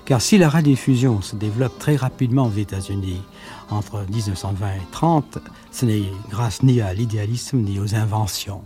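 A man speaking in a measured documentary style, with occasional fillers, on an archive radio recording. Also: fairly low pitch, dark tone, soft background music. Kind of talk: explanatory radio documentary talk.

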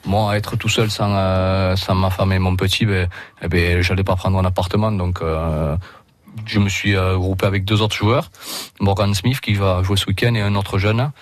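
Hesitant low-voiced Roussillon man. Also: fairly even intonation, normal speed. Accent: Roussillon French. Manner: hesitant, full of filler sounds and restarts. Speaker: rugby league player, radio guest. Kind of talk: casual radio interview.

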